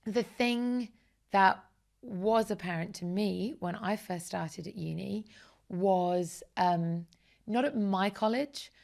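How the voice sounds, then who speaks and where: A woman, a guest in a relaxed interview. Her voice has a gravelly, creaky edge. She speaks with animated, enthusiastic energy. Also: mid-range voice, slow. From Essex, England. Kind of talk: casual conversational interview.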